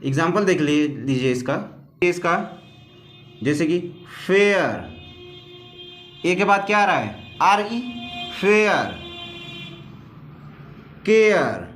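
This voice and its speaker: A man's voice: fairly high pitch, sing-song, takes it slowly, pauses often, fairly bright tone, faint music behind. A man teaching English pronunciation in Hindi. He spells each word out letter by letter and patiently repeats the rules. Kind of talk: slow explanatory lesson in Hindi.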